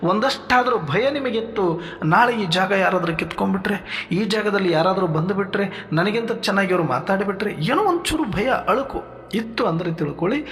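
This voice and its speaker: A man giving a sermon in a measured teaching manner, asking rhetorical questions and listing points for his listeners. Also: high voice, expressive, a bit bright. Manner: rhetorical questions, lists, addresses listeners as brothers. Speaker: spiritual speaker. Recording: long hall reverb with faint music.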